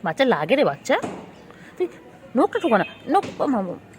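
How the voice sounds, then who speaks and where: A woman's voice: a little high, huge pitch swings, a little fast, background noise. A woman talking baby talk to her cat at home, in a singsong, repetitive, coaxing way. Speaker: pet vlogger.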